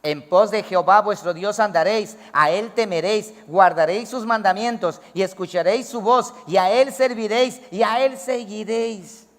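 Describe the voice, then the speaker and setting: A man preaching a sermon as pastor, emphatic, swinging between loud calls to the congregation and low asides. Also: in a large hall. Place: church.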